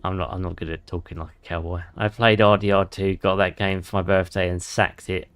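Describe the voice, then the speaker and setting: Brit guy streaming games, lowish voice, chatty, swears a lot, laughs a bunch. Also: flat delivery, brisk, clear, resonant tone. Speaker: gaming streamer. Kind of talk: casual gameplay commentary.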